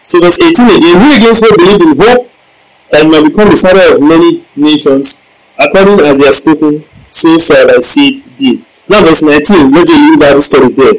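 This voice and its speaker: A man's voice: on the high side, fairly quick, rough recording. A male preacher giving a Bible-teaching sermon, emphatic, repeating key lines and asking the congregation questions.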